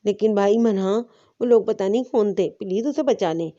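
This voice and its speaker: A woman's voice: medium pitch, mellow, lo-fi sound, natural voice. A woman reading as a tearful young sister. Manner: crying, reproachful.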